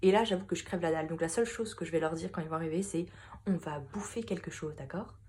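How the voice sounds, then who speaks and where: A woman's voice: fairly low pitch, fast talker, warm tone, slight background noise. A young woman vlogging in casual, rambling chat, laughing often, with a starting cold. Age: young adult. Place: hotel room. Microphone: phone camera.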